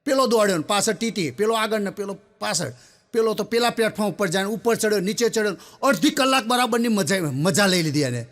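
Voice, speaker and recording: High-voiced man telling stand-up jokes. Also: animated, fairly quick, fairly bright tone. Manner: chatty, addresses the audience as sir, acts out characters. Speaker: stand-up comedian.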